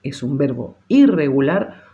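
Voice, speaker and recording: A French teacher who gives a patient lesson, repeats words slowly and often checks in with short questions. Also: medium pitch, sing-song, mellow, highs cut off. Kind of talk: language lesson.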